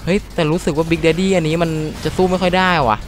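A young man hosting a let's play video, commenting on his gameplay casually, swearing and swinging between startled shouts and low mutters. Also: level tone, fast talker, faint music behind. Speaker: gaming channel host.

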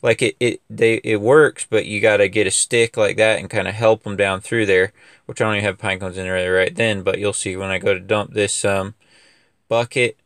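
A young man who runs a lawn care business reviews equipment in a casual vlog, outdoors in a wooded yard. His voice sits on the low side with little pitch movement, a moderate pace and a fairly bright tone, in a dry, clean studio-like recording. He rambles loosely, full of fillers and restarts.

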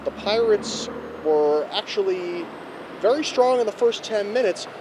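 A young man reporting a postgame recap outdoors on a handheld mic, brisk and stat-heavy. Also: high-pitched, animated. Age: young adult. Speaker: student sports reporter. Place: outdoors in front of an arena. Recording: faint street noise outdoors.

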